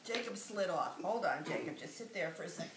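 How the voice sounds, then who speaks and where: A woman's voice: on the low side, lively intonation, brisk, far from the mic. An older woman, a grandmother, reading a picture book aloud to small children in a coaxing, sing-song manner and making playful animal sounds. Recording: echoey, noisy home video.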